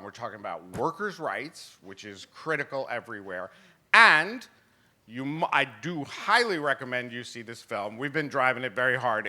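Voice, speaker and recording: A man in his fifties, a film distributor speaking on a festival panel, animated, laughing often and restarting sentences. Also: medium pitch. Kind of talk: panel discussion. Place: festival symposium panel stage.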